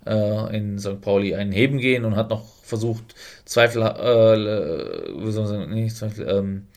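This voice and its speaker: A man's voice: fairly low pitch, expressive, normal speed, gravelly, a little mellow. A man co-hosting a casual podcast chat, rambling and correcting himself as he explains technical details. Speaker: podcast co-host.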